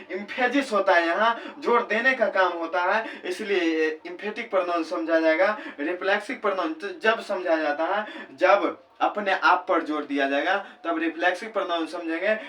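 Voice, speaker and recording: A man teaching English grammar in Hindi, explaining step by step, asking questions and answering them himself, and reading English examples slowly. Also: high-pitched, bright, forceful tone, distant mic. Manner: reads English sentences slowly and deliberately.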